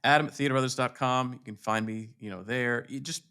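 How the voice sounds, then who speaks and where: A man's voice: medium pitch, fairly even intonation, quick pace, bright, forceful tone, smooth. Easygoing man hosting a podcast. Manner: thoughtful, full of fillers and restarts. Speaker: podcast host. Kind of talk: casual chat.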